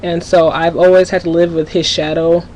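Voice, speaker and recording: Speaking at normal speed with a level tone, a teen vlogger from Minnesota uses a darkish voice on the low side. She chats casually and confessionally to her webcam at home, candid and a little scattered, beginning sentences again as her thoughts jump forward, with faint hiss under the low-quality recording.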